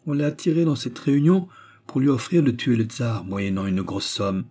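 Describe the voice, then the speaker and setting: A man's voice: medium pitch, fairly even intonation, normal speed, mellow, close to an everyday voice. A man reading an audiobook voices a scheming prince and police chief who speaks in a cold, ironic, cynical way.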